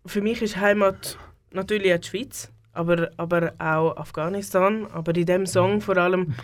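A woman's voice: on the low side, steady tone, moderate pace. A woman with a Swiss German accent, a singer guest in a radio studio interview, talking with many fillers and restarts. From Switzerland.

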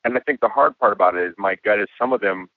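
A man with a hoarse voice, a guest musician and filmmaker talking reflectively in a casual interview. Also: fairly low pitch, fast talker, no echo. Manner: reflective, with frequent restarts and laughs. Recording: tinny phone-like line.

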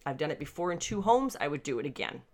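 Older woman with a low-pitched voice, candid home vlogger thinking aloud. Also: big pitch swings, fast. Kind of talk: personal reflective monologue. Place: basement suite at home.

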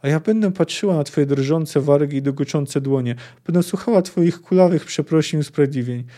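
A man reading aloud and voicing a proud, possessive sorceress who speaks in a sharp, commanding, scornful way. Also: fairly high pitch, a little fast, lightly acted. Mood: mocking. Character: proud furious female sorceress, possessive and cutting.

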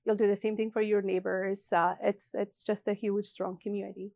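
In a casual interview, an Ethiopian woman in her forties who co-owns a shop speaks hesitantly, full of fillers and restarts. Her mid-range voice is creaky and a little mellow, with little pitch movement, normal speed, and no room sound.

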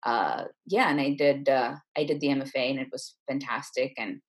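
Speaking in a very deep, slightly rough voice at normal speed, a woman in her thirties from Chennai, India, shares her story as an interview guest. She's chatty and informal, often saying "like."

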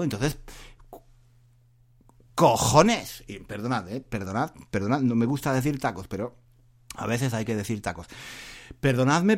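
A middle-aged man with a Spain Spanish accent, a Spanish teacher hosting a podcast, who talks fast, rambles and makes fun of himself in a lively, jokey way. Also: mid-range voice. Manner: rambling and self-mocking, fast talking. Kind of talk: casual podcast monologue for learners.

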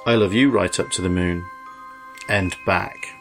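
Guy doing a big daddy hare from a storybook, lowish voice, gentle n unhurried, music behind. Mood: tender, soft. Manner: unhurried, tender reassurance. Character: big, gentle, loving adult male hare. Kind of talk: storybook character reading.

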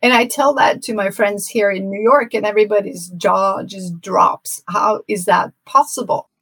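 A woman from Norway, speaking as a guest in a casual interview and explaining things in a measured way. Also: medium pitch, fairly even intonation, fairly bright tone, slightly rough. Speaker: guest painter.

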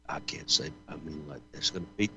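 A man's voice: rumbling low, a little fast, bright, forceful tone, breathy edge. A man talking on a phone line whose audio keeps cutting out, so his voice comes through faint and broken up. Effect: phone audio cutting out, faint and breaking up. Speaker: roundtable panelist calling in. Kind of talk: casual talk-show discussion.

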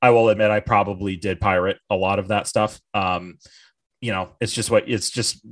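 Very deep-voiced rambling man in his thirties. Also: fairly even intonation, normal speed, fairly bright tone. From northern New Hampshire, USA. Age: 30s. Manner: rambling, repeats words, laughs easily. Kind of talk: casual podcast chat.

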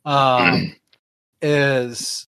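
A man's voice: mid-range voice, little pitch movement, drawn-out words, bright, forceful tone, clear, resonant tone. A man narrating as game master in a tabletop game, rambling and wry, with many fillers.

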